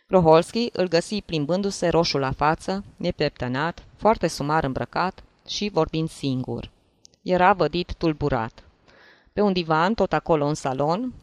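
A narrator reads a classic story in a measured, even voice. The pitch sits in a middle range. The recording is dry and close. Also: no echo.

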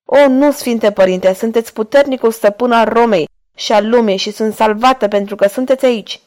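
A woman's voice: a little high, darkish tone, lightly acted. Rosita, a pleading young woman, read by a woman. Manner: pleading, emotional.

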